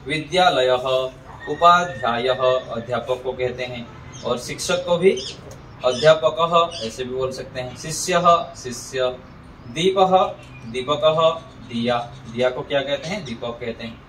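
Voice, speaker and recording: A man teaching a Sanskrit class, drawing out each word form in a slow, deliberate recitation. He sounds set back from the microphone, with a roomy echo around his voice. A faint hum of room noise sits behind him. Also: mid-range voice, fairly bright tone, recorded from a distance. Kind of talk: classroom lesson at a board.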